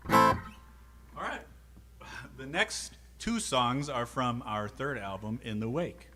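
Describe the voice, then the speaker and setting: A man's voice: medium pitch, very animated, slow, over music. A man in a band, joking about himself and laughing easily in casual banter between songs. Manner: self-mocking, laughing easily. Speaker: band member.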